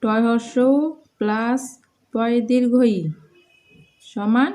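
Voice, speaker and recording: A woman with a Bengali accent teaching young children, spelling out letters and words in a slow, sing-song way. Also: fairly high pitch, little pitch movement, dark tone, poor audio.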